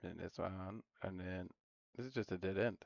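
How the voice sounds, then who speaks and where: A man's voice: low voice, fairly even intonation, normal speed, vocal fry, no room sound, highs cut off. A man streaming a game, chatting casually with viewers and rambling to himself as he plays. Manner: rambling, talks to himself while playing. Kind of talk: casual live-stream chat.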